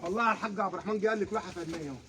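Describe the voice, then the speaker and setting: A man with an Egyptian accent giving an energetic carpet sales pitch, repeatedly urging viewers to look. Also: very fast. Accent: Egyptian Arabic. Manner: repeats urgent calls to look, hawking patter. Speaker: carpet seller. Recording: noisy background.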